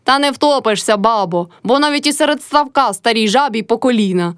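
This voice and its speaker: A woman's voice: on the high side, lively intonation, brisk, smooth, no echo, studio quality, natural voice. A woman voicing a village man who teases an old woman in a storybook reading. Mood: teasing. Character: mocking village man watering oxen.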